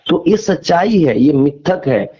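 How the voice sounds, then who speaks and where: A man guesting on a phone interview makes his case emphatically, with repeated phrases and rhetorical questions. His fairly high, warm voice swings widely in pitch and runs a little slow, with slight background noise on the dull lo-fi line.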